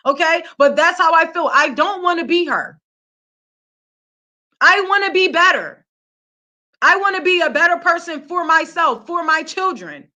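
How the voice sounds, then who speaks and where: A woman's voice: very high-pitched, lively intonation, measured pace, long pauses, bright, forceful tone. A young woman with a Philadelphia accent, ranting bluntly to camera in street slang and swearing freely. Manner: reads viewer comments aloud. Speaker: podcast host and vlogger. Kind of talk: casual rant to camera.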